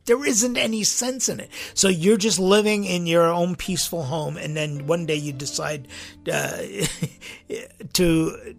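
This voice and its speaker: A man's voice: high voice, vocal fry. A man preaching a sermon with passion, repeating phrases for emphasis.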